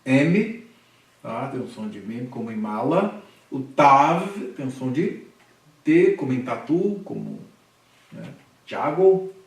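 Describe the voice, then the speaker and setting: Speaking slowly and expressively at medium pitch with frequent pauses, this Brazilian-Portuguese-accented man leads a Hebrew lesson in class, patiently drilling letters and syllables aloud and checking on students. He is far from the mic in an echoey room.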